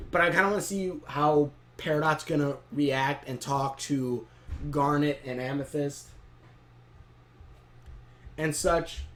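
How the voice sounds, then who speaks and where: A man casually reviewing a cartoon episode to camera in a rambling, excitable way. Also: on the high side. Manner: rambling, excitable recap with frequent laughs.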